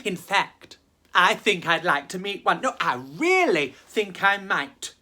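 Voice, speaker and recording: A woman tells rhyming children's stories theatrically and playfully, addressing her young listeners directly as storyteller and host. Her lowish voice is very animated, slow, pushed and bright.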